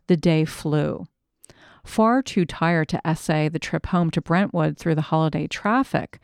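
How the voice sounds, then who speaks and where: A woman reading a first-person memoir aloud in a measured, reflective storytelling manner. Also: on the low side, darkish tone, clear, resonant tone, no echo, clean studio sound. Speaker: narrator.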